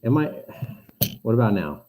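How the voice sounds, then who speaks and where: A man's voice: lowish voice, very animated, normal speed, a crowd in the background. A man co-hosting a casual podcast over a remote line, his voice muffled as if through a wall, talking bluntly and swearing freely. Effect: muffled microphone, as if talking into a closet or through a wall. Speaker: podcast co-host. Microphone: remote call-in microphone.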